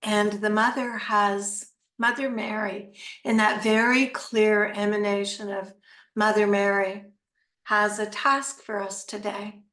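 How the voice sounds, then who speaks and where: A woman guides a meditation at a very slow, soothing pace, leaving long pauses between short phrases. Her voice sits at a middle pitch. The sound is roomy, with noticeable echo around her words. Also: level tone, fairly bright tone.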